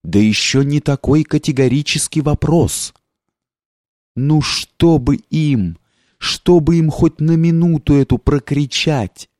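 A man reading a literary story aloud in a measured, unhurried storytelling manner. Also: mid-range voice, dark tone, no room sound, studio quality. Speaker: audiobook reader. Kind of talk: literary audiobook narration.

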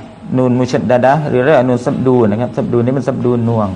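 Man teaching recitation, flat delivery. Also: mid-range voice, slight background noise. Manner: patient, repeats sounds slowly to demonstrate. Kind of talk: tajweed lesson with slow chanted recitation.

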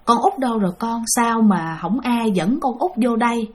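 A woman with a Southern Vietnamese accent voicing a frail, dying old grandfather who speaks in a weak, tender hush. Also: fairly high pitch, very animated, measured pace. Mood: longing.

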